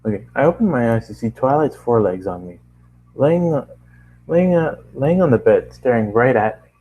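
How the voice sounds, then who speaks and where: A medium-pitched man reads a first-person story aloud at a moderate pace, animated but amateur, often stumbling, apologising, and rereading lines. The recording is lo-fi with slight background noise.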